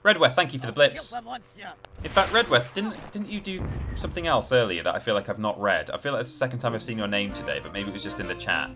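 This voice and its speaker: A man live-streams a video game, rambling and thinking aloud as he chats casually with viewers over game music. His medium-pitched voice is sing-song, bright and forceful, and he talks fast.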